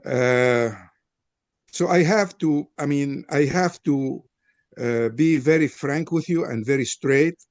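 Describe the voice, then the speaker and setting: Speaking slowly in a mid-range voice with no echo, an older man from Lebanon, a native Arabic speaker with a Lebanese accent, gives a panel presenter's opening statement at an interfaith panel. He is earnest and frank, sharing personal stories.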